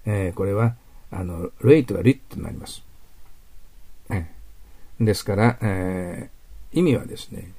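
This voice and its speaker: Low gravelly-voiced man teaching English. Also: warm tone. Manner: explanatory, with many fillers and rhetorical questions; reads English example sentences slowly. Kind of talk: lecture on English vocabulary and grammar.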